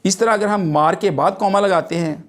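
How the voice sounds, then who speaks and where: A man's voice: sits high, moderate pace. A man teaching English grammar, explaining each term with several synonyms.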